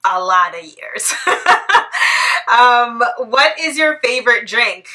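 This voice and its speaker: A Canadian-accented vlogger from Toronto, in her thirties, laughs a lot while playfully answering questions to camera in a bright living room. She speaks slowly yet animatedly, her voice on the high side, pushed and bright.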